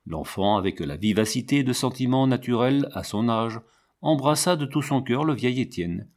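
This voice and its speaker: A man narrating a classic children's novel as an audiobook, in a steady, measured storytelling manner. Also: medium pitch.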